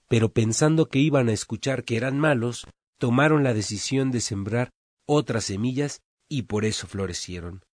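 A man playing a calm, wise king. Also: medium pitch, dry recording, clean studio sound. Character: wise, gentle old king testing his people.

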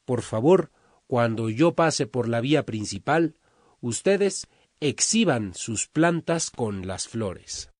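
A man voicing a gentle, wise king who speaks to his people in a story. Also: mid-range voice, expressive, slow, no room sound, clean studio sound. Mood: measured.

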